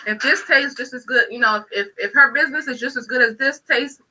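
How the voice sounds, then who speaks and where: A woman's voice: sits high, quick pace, sharp tone, recorded from a distance, poor audio. A woman co-hosting a talk show, upbeat and teasing. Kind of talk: casual chat.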